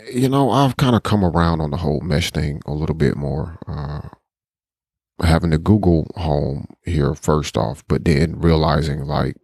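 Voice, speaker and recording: A man's voice: a bass voice, darkish tone, no echo, studio quality. A man co-hosting a podcast, explaining tech topics in a loose, conversational way. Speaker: podcast co-host. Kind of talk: casual tech chat.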